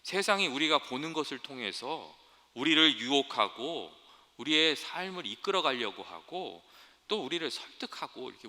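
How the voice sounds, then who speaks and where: A male pastor preaches with a very bright, forceful tone and a lively pitch that swings up and down. He speaks earnestly to his congregation and slips easily into storytelling. His voice rings out in a long reverberant church hall. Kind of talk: sermon.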